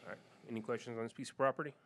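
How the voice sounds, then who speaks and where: A man chairing a board meeting, moving through agenda items in a brisk, procedural way. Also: mid-range voice, fairly even intonation, a bit bright, a little hiss or hum.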